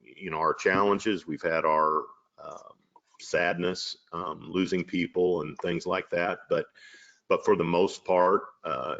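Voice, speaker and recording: Deep-voiced host, dull lo-fi audio. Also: male voice, creaky. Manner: warm, affirming, rambling with fillers. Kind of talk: casual chat.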